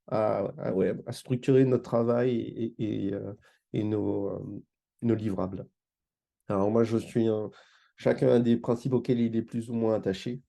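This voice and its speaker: His voice is mid-range, gravelly and warm. He is an engagement manager from Martinique, France, giving a hesitant, informal conference talk as a guest speaker, often repeating words.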